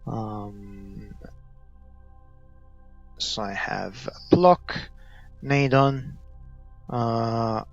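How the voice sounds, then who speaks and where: A man with a Maltese accent talks through his gameplay without a script, trailing off and searching for words. His voice has a creaky, gravelly edge. The recording is dull and muffled, with light music behind him. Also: drawn-out words, pauses often. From Malta. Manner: hesitant, thinking aloud, trailing off. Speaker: gaming video creator. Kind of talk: unscripted gameplay commentary. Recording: muffled, dull low-fidelity audio.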